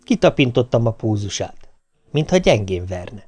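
A man reading a humorous novel aloud as an audiobook, with lively, expressive storytelling. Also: lowish voice, slightly rough. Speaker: audiobook narrator.

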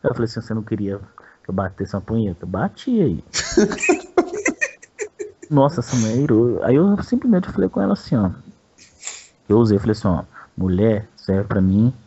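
A man's voice: mid-range voice, sing-song, fairly quick, pauses often, warm tone, dull audio, a little hiss or hum. A Brazilian man telling a personal story in a rambling, crude way, with a lot of slang. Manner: rambling and crude, peppers speech with "velho". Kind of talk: casual storytelling.

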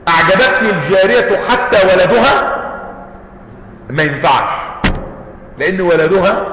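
Egyptian man lecturing in an echoey hall. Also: high-pitched. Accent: Egyptian Arabic. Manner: reads the text aloud, then explains it in colloquial speech with questions to the class. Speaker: Islamic jurisprudence teacher. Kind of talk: classroom lecture explaining a text. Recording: echoey hall, dull lo-fi, noisy.

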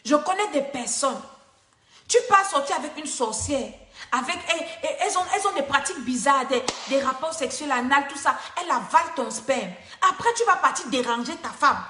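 High, bright-voiced woman preaching. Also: lively intonation, moderate pace. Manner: emphatic, scolding, repeats phrases for force. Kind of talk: preaching exhortation. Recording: echoey room.

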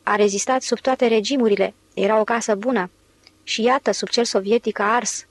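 A woman's voice: on the high side, steady tone, dry recording. A woman narrator voicing a sententious man lecturing a crowd in an audiobook. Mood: pompous. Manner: pompous, sermonizing.

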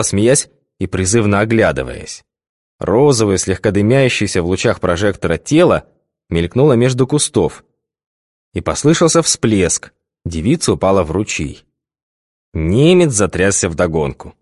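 A man narrates an audiobook with a low voice and a wide, lively pitch range. The reading is expressive and varied. The recording is close and dry. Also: dry recording. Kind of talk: scripted narration.

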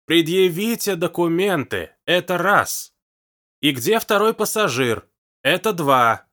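A man voicing a dim subordinate agent who shouts his lines, in an audiobook. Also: a little high, expressive, takes it slowly, pitched above the performer's own voice. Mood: shouting. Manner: shouting, dull-witted.

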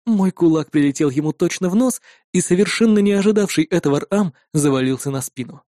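A man narrating a first-person story in an expressive audiobook style, voicing the dialogue. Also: a little high, a little fast, dry recording, studio quality.

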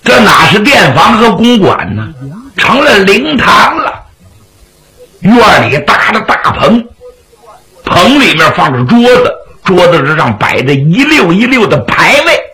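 A male storyteller with a bright, gravelly voice who narrates slowly and expressively. His pitch leaps up and down dramatically as he tells the story. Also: big pitch swings, poor audio. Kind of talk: traditional Chinese pingshu storytelling.

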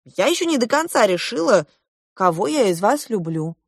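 A self-assured storybook girl who scolds and bosses her quarrelling friends, as the woman reading puts her on. Her voice rides high and animated, with a commanding snap. The recording is dry and close. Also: normal speed, slightly rough, no room sound, heavily acted. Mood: bossy. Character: eleven-year-old girl heroine, bossy and self-assured.

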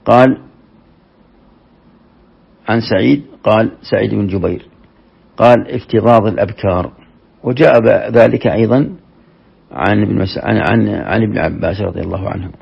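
A gravelly, husky man gives a measured classroom lesson, explaining scripture verse by verse and often restarting a phrase. The recording is dull and lo-fi, like an old lecture tape. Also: fairly low pitch. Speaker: Quran commentary teacher.

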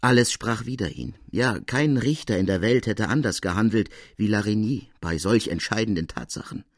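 A man reading a classic literary tale aloud in a measured, expressive storytelling voice. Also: on the low side, no echo, clean studio sound. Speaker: reader.

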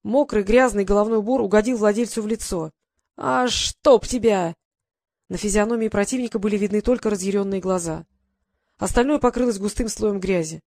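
A woman narrating a first-person adventure novel in an even, measured storytelling manner. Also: medium pitch, no echo, clean studio sound. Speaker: audiobook reader.

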